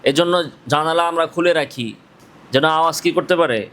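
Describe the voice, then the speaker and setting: A man's voice: a little high, brisk, fairly bright tone. A man with a Bangladeshi Bengali accent teaching a class on how to pronounce Quranic letters. He asks the students questions, answers them himself and demonstrates each sound aloud. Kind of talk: classroom tajweed lesson.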